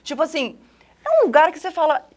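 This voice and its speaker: A Brazilian woman in her thirties chats on a casual podcast. She talks fast, piling up repeated words as she tells a story. Her voice sits a little high. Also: big pitch swings, darkish tone. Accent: Brazilian Portuguese. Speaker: podcast host.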